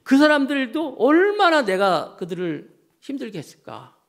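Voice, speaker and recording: Animated Korean man preaching a sermon. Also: very high voice, moderate pace. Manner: animated, acts out insults and asks the congregation questions. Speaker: pastor. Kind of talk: Sunday sermon. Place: church sanctuary.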